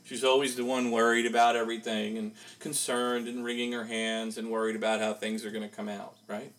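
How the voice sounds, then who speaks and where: A man's voice: mid-range voice, flat delivery, fairly quick, a bit bright, poor audio. A man preaching a sermon in a conversational way, asking rhetorical questions as he goes.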